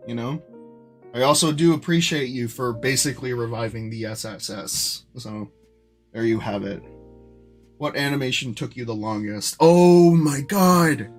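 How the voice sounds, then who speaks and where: Talking loosely to his chat during a live stream, this young animator stumbles through fillers and restarts. His mid-range delivery is, in his own words, monotone.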